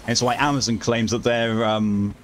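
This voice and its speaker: A man's voice: mid-range voice, steady tone, normal speed, slight background noise. A man streaming a video game, chatting casually in a rambling, wry way with some swearing. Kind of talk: casual live game commentary and chat. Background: game music.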